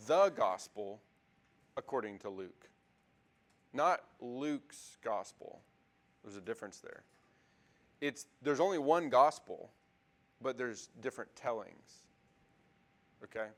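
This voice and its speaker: Guy teaching a bible class, loose and chatty, lots of ums, asks the room stuff. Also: medium pitch. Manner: conversational, many fillers and restarts, asks the class questions. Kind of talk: casual classroom lecture.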